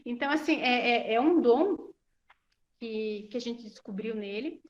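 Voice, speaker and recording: A woman's voice: a little high, measured pace, highs cut off. A woman giving a talk to a family support group, hesitant with many restarts and fillers. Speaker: guest speaker.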